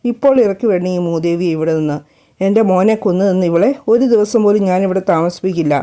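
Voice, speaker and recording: A woman's voice: lowish voice, fairly quick, dark tone, lightly acted. A woman reading as a bitter, harsh mother-in-law. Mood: furious. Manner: scornful, harsh.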